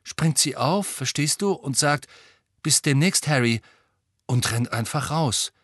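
An indignant teenage boy wizard who stammers when upset, put on by a male audiobook reader. The voice sits well above the reader's own and pushes louder and more excited. The recording is dry and close. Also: a little high, unhurried, husky, no echo, pitched above the performer's own voice, heavily acted. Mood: flustered.

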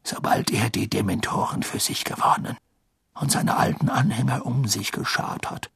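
A wise old headmaster speaks with calm, commanding gravity. A man voices him with a rough, husky tone, close and dry. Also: mid-range voice, normal speed, dry recording. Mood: grave. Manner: calm, grave, at times hushed.

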